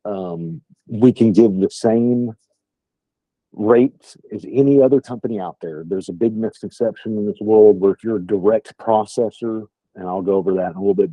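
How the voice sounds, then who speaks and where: A man's voice: fairly low pitch, dark tone, dry recording. A middle-aged man with a thick West Texas accent, giving an informal, folksy training talk on a call. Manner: folksy, plain-spoken. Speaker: sales trainer. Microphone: phone or online call. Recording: dull lo-fi call audio.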